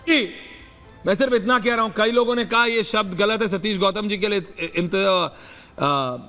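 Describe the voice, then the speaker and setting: High-voiced male debate anchor. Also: a little slow, pushed and bright, big-room sound, soft background music. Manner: mixes English phrases, emphatic. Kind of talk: TV debate hosting.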